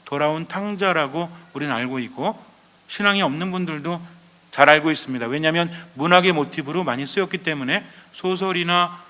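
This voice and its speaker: Priest guy telling stories in a sermon, bright fairly high voice, big echoey hall. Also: a little fast. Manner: lively storytelling with rhetorical questions. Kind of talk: Advent lecture sermon.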